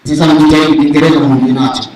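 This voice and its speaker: A man's voice: on the high side, level tone, rapid-fire, darkish tone. A man with a Tanzanian accent speaks as master of ceremonies at a live event, addressing the audience in a playful, informal way. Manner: playful, informal, with call-and-response. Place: large echoing hall at an event. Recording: echoey hall, distant mic, faint noise.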